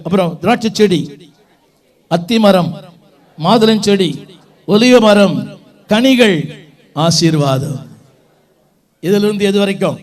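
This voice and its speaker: A man with a Tamil accent preaches to a congregation in a church hall, calling out words for them to repeat. His voice sits high for a man. He often slips English phrases into his preaching. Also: a little mellow. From South India. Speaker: pastor. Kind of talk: call-and-response sermon.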